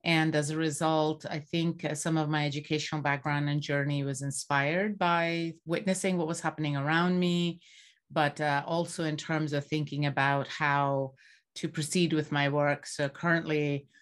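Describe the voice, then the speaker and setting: A woman with a low voice speaks in measured, academic sentences. She is a geography professor from Bangladesh, thinking aloud as she answers interview questions. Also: steady tone.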